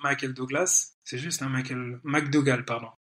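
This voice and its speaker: A man hosting a podcast, asking his guest questions in a friendly, joking tone. He speaks quickly, at a middle pitch. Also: fairly even intonation, a bit bright. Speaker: podcast host. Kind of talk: casual interview chat.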